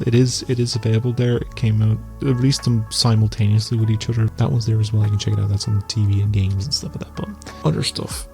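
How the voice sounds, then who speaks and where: A man's voice: lowish voice, vocal fry, dark tone. Rambling man hosting news, music underneath. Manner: rambling, informal. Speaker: host of an entertainment news video series. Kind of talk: casual vlog-style film news commentary. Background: background music.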